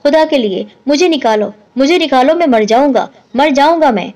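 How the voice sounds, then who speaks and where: A woman's voice: a little high, lightly acted. A woman voicing a panicked, distraught young man who pleads in frantic outbursts.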